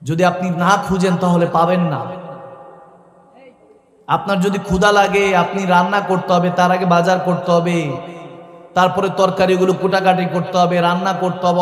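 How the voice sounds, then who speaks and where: A man delivering a rousing Bengali sermon to a crowd, building to shouts, asking the crowd questions and chanting verses in a low, slow tone. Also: little pitch movement. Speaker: preacher. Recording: echoey public address in a long-reverb hall.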